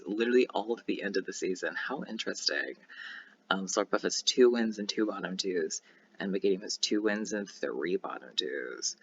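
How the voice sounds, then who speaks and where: A young man casually commentating a game he plays, chatty and excitable, with many ums and restarts. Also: lowish voice, muffled recording, slight background noise. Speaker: gaming YouTuber.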